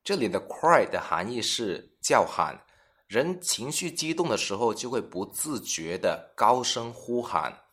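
A man teaching English expressions in a scripted bilingual lesson, reading each example sentence slowly and deliberately. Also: on the low side, a bit bright.

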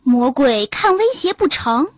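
High-pitched woman telling a children's story. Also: very animated, measured pace, no echo, clean studio sound. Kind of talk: scripted storybook narration. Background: faint background music.

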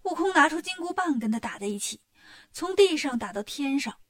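A woman with a high, bright voice reads a children's story aloud. She tells it in a lively, expressive way, with plenty of rise and fall. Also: a little fast.

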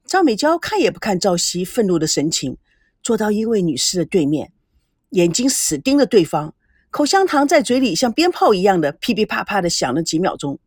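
A woman narrating an audiobook in an expressive storytelling manner. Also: mid-range voice, fairly quick, slightly rough, no room sound, clean studio sound.

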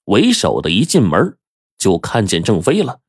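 A man telling a folk tale in a lively, dramatic, folksy manner. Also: on the low side, normal speed, slightly rough, dry recording, clean studio sound. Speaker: storyteller. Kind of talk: spoken storytelling.

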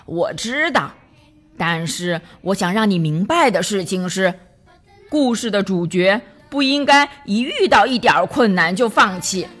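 A woman's voice: mid-range voice, lively intonation, unhurried, fairly bright tone, faint music behind. A woman voicing a serious, fatherly male creature who speaks in a firm, earnest, encouraging way.

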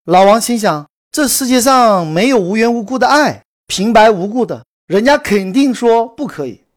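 A woman telling a promotional story in a brisk, emphatic scripted sales delivery. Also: fairly high pitch, expressive. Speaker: course promoter narrator.

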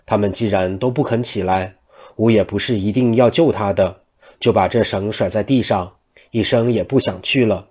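A man reading a classical Chinese novel aloud at a steady, unhurried pace. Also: fairly low pitch, husky. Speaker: storyteller.

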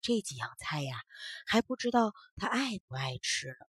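A fussy old grandmother from a children's story, shrieking in disgust one moment and grumbling to herself the next, as a woman narrator puts her on. Her voice is lively and a little husky. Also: deep voice, extremely slow, no room sound, clean studio sound, pitched below the performer's own voice, heavily acted. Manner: exclaiming, grumbling. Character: fussy old grandmother, half-deaf and shrill.

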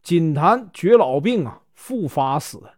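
A cunning middle-aged murderer, voiced by a man in a storybook telling, pleading and evasive. His Northeastern Mandarin lilts up and down lively, recorded dry and close. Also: fairly high pitch, unhurried, no room sound. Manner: pleading, confessing in a long run.

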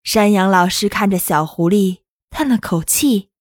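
A woman narrating a children's story in a gentle, unhurried, expressive reading. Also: mid-range voice, no echo, clean studio sound.

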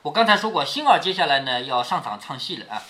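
Lively, bright-voiced man reading a classic story aloud to his daughter. His pitch swings widely as he stops to explain passages in plain talk, and he keeps asking whether she is following. The tone is informal and chatty. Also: quick pace. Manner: chatty, often checks in with the listener.

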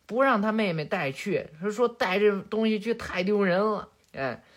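A woman in casual recap narration, chatty and animated with many little fillers. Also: medium pitch, moderate pace.

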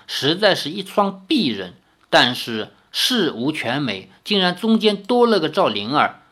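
Expressive man reading a wuxia novel. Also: medium pitch. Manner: expressive, dramatic storytelling. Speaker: reader. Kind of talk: reading a martial arts novel aloud.

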